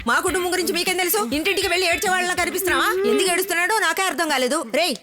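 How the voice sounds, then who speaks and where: A woman's voice: extremely high pitch, rapid-fire. A middle-aged woman playing a mother who fusses and scolds emotionally in dubbed film acting.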